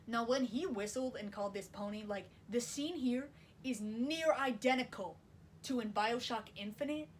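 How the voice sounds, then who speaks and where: Sarcastic woman narrating a film recap, slightly high voice. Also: normal speed, a little hiss or hum. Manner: wry, sarcastic, casual swearing. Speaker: video essayist.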